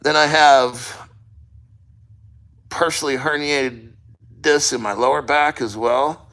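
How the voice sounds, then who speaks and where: A man's voice: mid-range voice, steady tone, slow pace, fairly bright tone. A man talking casually and bluntly to the camera while sitting in ice cold water, rambling and swearing as he goes. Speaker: crypto podcast host.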